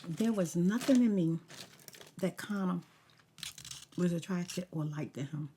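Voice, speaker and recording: Woman, slow-paced, slightly low mellow voice, casual ASMR storytelling, candid and emphatic, faint background noise. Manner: candid, emphatic, advice-giving with slangy asides. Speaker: ASMR vlogger. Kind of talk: casual rambling story time while eating snacks, ASMR.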